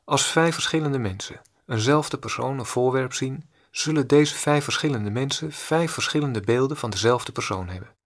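A man delivering a spiritual discourse as a meditation teacher. His mid-range voice has a gravelly rasp, and he speaks slowly and deliberately, returning to the same points again and again. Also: mid-range voice. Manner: slow, deliberate, repetitive. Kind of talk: read-aloud spiritual discourse.

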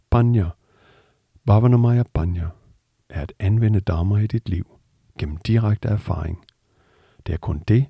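A man with an Indian accent giving a meditation discourse, telling a parable in a measured, repetitive cadence. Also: lowish voice, creaky, dark tone, husky, dry recording, studio quality. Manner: measured, repetitive teaching cadence, voices characters in the story. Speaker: meditation teacher.

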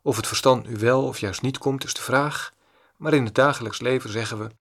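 Male meditation teacher, gravelly mid-range voice, deliberate and repetitive delivery. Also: mid-range voice. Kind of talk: read-aloud spiritual discourse.

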